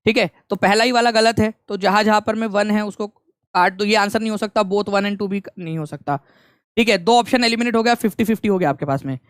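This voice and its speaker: A man's voice: high-pitched, brisk, clear, resonant tone, dry recording, clean studio sound. A young man teaching an online exam-prep lecture in a conversational way, repeating key points and mixing in English phrases.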